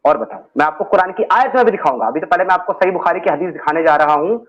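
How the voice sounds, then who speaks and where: A man hosting an online debate, speaking calmly but insistently and pressing his questions, heard over muffled call audio. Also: high voice, fast talker. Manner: calm, insistent, asks pointed questions. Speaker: debate host.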